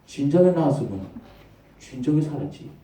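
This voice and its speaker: A male pastor with a Gyeongsang dialect preaching a lively, conversational sermon that acts out dialogues. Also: fairly high pitch, fairly quick, a little hiss or hum. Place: church sanctuary. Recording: echoey church hall, mic far off.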